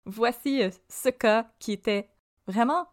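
A woman's voice: on the high side, unhurried. A woman with a Québécois French accent co-hosting a podcast, upbeat and teasing, laughing often. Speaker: podcast co-host. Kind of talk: casual chat.

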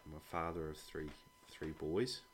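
Aussie bloke, deep voice, super casual podcast chat, bit sweary, faint hum in the background. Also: male voice, expressive, a little slow. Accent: Australian. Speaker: podcast guest, a father talking about his children. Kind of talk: casual conversation.

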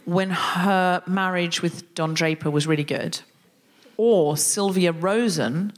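A woman with a slightly low voice hosts a comedy podcast. She chats casually and comically, telling stories in an animated, emphatic way. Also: slow pace.

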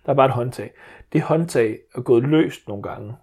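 Rambling dad telling a story. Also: male voice, mid-range voice, darkish tone, breathy edge. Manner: rambling with many restarts and fillers. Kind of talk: casual storytelling chat.

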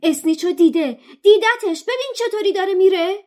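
A woman reading aloud, voicing an excited teenage boy wizard who shouts in breathless excitement during a match. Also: very high voice, pitched above the performer's own voice. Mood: shouting excitedly. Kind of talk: audiobook reading with voices.

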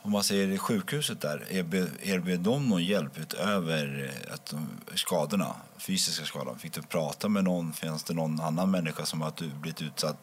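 A man interviewing, asking short, gentle questions to prompt the story. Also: extremely low pitch, few pauses, a little hiss or hum.

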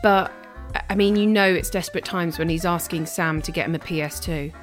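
A woman hosting a casual podcast chat with her mother, teasing and quick to react. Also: fairly low pitch, faint music behind. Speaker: podcast host.

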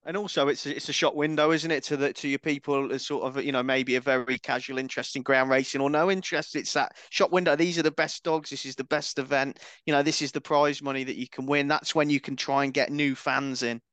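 Podcast interviewer: English man, mid-pitched, casual delivery, dry recording. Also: level tone, fast talker, hardly any pauses, fairly bright tone, no room sound.

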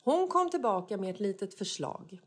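Woman, podcast co-host, casual chat, easygoing, medium-pitched voice. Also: very animated. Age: adult, mother.

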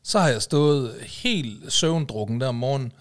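Lively intonation marks this medium-pitched male co-host, who rambles through lengthy stories on a laid-back podcast, leaning heavily on fillers and "du ved, ikke?".

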